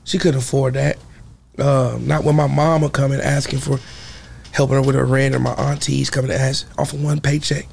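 A young man from Kansas talking candidly as a guest in a podcast studio, with halting restarts. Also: medium pitch, little pitch movement, vocal fry, darkish tone, slight background noise. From Kansas, USA. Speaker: guest artist. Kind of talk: casual interview talk. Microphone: studio mic on boom arm.

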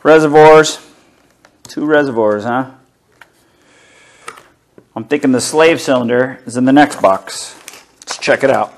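Slow-talking man unboxing in his garage. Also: medium pitch. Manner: slow, easygoing, talks while handling parts. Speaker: home car builder. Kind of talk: casual unboxing commentary. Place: home garage workshop, indoors.

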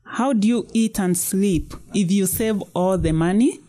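A woman's voice: mid-range voice, unhurried, mellow, close to an everyday voice. A woman reading the part of an irritated father who questions his daughter curtly and with suspicion. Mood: suspicious.

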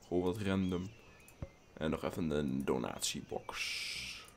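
A young man hosting a casual let's play, rambling and blunt, swearing freely, mixing in English phrases and breaking into sudden excited outbursts. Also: rumbling low, measured pace, slight background noise. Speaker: gaming channel host.

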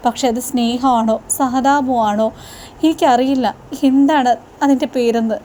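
A woman's voice: fairly high pitch, fairly even intonation, unhurried, mellow, a little hiss or hum, lightly acted. A woman reading the lines of a tearful, pleading young wife in a plain retelling voice. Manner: earnest, plain retelling of her words.

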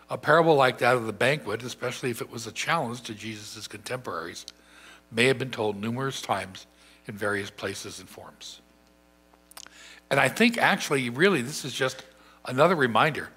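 Older pastor guy giving a sermon at the lectern, bright kinda husky voice, chatty, restarts a lot. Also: medium pitch. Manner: thoughtful, conversational with frequent restarts. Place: large church sanctuary.

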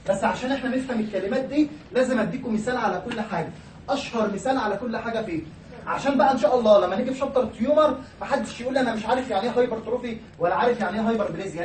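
Very high-pitched, this Egyptian-accented pathology teacher explains material mixed with English medical terms during a university lecture recording, raising questions for the class and supplying the answers. A faint hiss or hum accompanies his distant voice in the echoey room.

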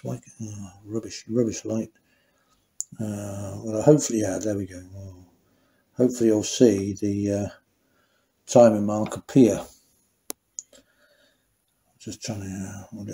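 A man's voice: fairly low pitch, creaky, a little mellow. Older man explaining engine work. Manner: thinking aloud, restarting sentences while working. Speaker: motorcycle mechanic. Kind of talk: hands-on workshop tutorial. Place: small garage workshop, indoors.

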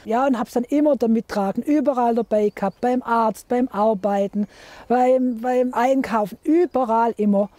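A middle-aged woman, telling a lively story outdoors in a garden. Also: a little high, moderate pace, dry recording. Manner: lively storyteller, imitates chick sounds. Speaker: interviewee. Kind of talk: documentary storytelling.

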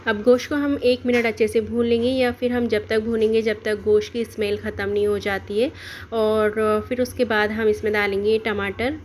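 A woman narrates a home cooking video in a steady, instructional way, walking through each step and offering alternatives. Her voice sits at an ordinary middle pitch for a woman. A faint hum of room ambience stays behind her. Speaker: cooking channel host.

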